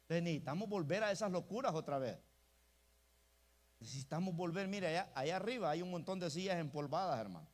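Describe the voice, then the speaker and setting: A man's voice: fairly high pitch, animated, fast. A male pastor preaching an emphatic sermon, often calling out to the congregation as brothers. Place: church.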